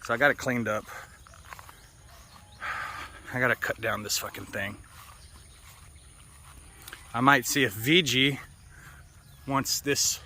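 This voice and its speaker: Out in a yard, an American man vlogs in a slow, mid-range voice that sounds pushed and bright, leaving long pauses. He rambles casually and profanely as birds, roosters and other outdoor sounds fill the noisy background.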